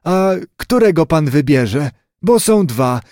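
A man's voice: fairly high pitch, sing-song, takes it slowly, darkish tone, dry recording, clean studio sound, pitched above the performer's own voice. A man reading an audiobook and voicing an elderly grandmother who is proud and easily offended, with a sing-song, boastful way of talking. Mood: coaxing.

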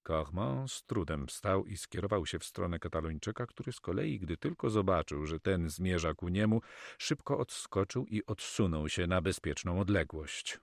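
A man narrating an adventure story as an audiobook reader, with steady storytelling delivery. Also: deep voice, moderate pace, vocal fry, dry recording, studio quality.

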